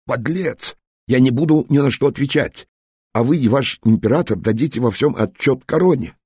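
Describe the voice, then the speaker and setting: A man's voice: low-pitched, lively intonation, normal speed, darkish tone, husky, no room sound, clean studio sound, full character voice. A man voicing a frightened, indignant English male spy in an audiobook. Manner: indignant, panicky.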